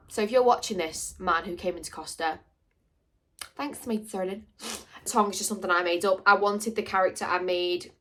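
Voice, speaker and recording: A woman's voice: mid-range voice, fairly bright tone. A young woman talks straight to camera in a loose, chatty Q&A. She rambles, loses her thread and throws in dry little jokes as she goes. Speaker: vlogger. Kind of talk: casual Q&A chat to camera.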